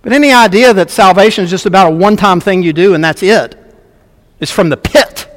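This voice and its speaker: Pastor, male, higher voice, emphatic earnest sermon delivery, long hall reverb. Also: brisk, a bit bright. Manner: earnest, emphatic preaching with repetitions.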